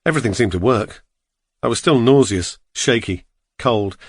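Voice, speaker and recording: A man narrating an audiobook in the first person, steady and measured. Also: mid-range voice, breathy edge, no room sound, studio quality.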